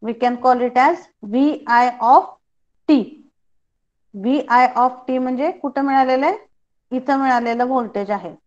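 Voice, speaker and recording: Woman lecturer, measured and slow overall, checks the class often; muffled low-fi sound. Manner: switches between quick Marathi and slow, spaced-out English; quizzes students with short questions. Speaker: teacher.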